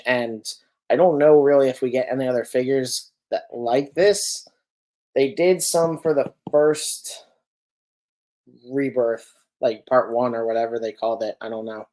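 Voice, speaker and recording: A man's voice: mid-range voice, a little mellow. Rambling man in casual podcast chat. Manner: rambling, full of ums and likes, self-correcting. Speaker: podcast co-host reviewing collectible figures.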